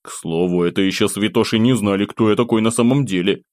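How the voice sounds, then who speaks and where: Low-voiced man narrating an audiobook. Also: fast talker, a little mellow, no room sound, clean studio sound. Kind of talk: first-person audiobook narration.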